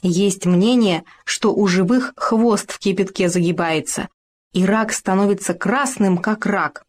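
A woman voicing a gluttonous, eager and cowardly male gopher who chatters quickly in a children's story. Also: mid-range voice, natural voice. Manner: fast chattering.

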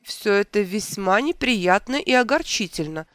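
A reader voicing a pompous, easily irritated old king in a storybook tale, speaking slowly and grandly. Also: medium pitch, expressive, fairly bright tone, clean tone, dry recording, lightly acted.

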